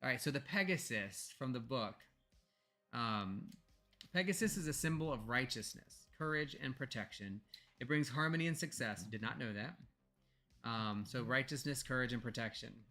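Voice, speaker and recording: Bright-voiced man reading tarot cards. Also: medium pitch, moderate pace. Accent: American. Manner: playful, reads cards aloud with frequent ums. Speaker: podcast co-host reading tarot. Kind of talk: casual livestream chat.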